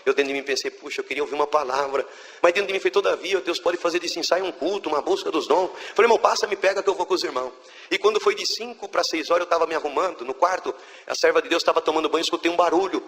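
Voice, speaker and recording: A man's voice: a little high, very fast, a bit bright, in a large hall. A man with a Brazilian Portuguese accent giving a spoken religious testimony in church, telling the story fervently and acting out the words of the people in it.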